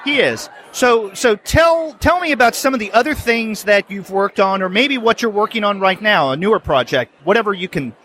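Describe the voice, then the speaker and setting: A man's voice: high voice, expressive, normal speed, few pauses, bright, forceful tone, a faint crowd, a little hiss or hum. A male podcast host asking a guest polite, prompting interview questions.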